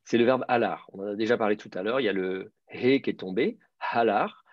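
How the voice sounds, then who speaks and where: A man with a low, husky, gravelly voice teaches a class, stopping often to restart his sentences. The sound is dry and dull, like a computer mic on a video call. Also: a little fast, dry recording. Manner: hesitant, many fillers and restarts, explanatory. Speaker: teacher of biblical Hebrew. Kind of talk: online class lecture.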